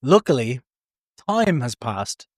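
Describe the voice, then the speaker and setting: A man's voice: mid-range voice, very animated, slow pace, dry recording, clean studio sound. A man hosting a podcast, narrating a true story with chatty, jokey asides that often break off mid-thought. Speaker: podcast host.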